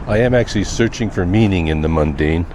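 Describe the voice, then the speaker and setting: A low-voiced, fast-talking Canadian man records a reflective walking vlog monologue on quiet outdoor sidewalks. He's a daily vlogger using a handheld camera with a wind muff, and street noise, passing cars, and wind come through.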